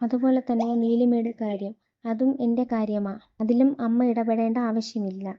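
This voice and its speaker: Woman voicing an irritated adult son; flat, slightly high, muffled recording. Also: moderate pace, close to an everyday voice. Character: grown son, defensive and short-tempered.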